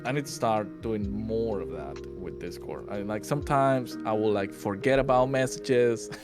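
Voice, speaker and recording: A man with a lowish voice speaks at a normal pace, hosting a lively, casual chat over a voice call. A podcast host and streamer, he swears a lot and acts out voices while lofi music plays in the background.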